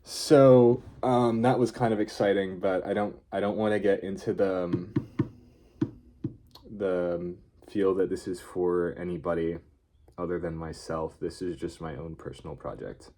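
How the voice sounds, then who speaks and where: A man's voice: low voice, flat delivery, moderate pace, warm tone. A man talking casually in an unscripted video diary, rambling and hesitant as he thinks aloud. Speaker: vlogger.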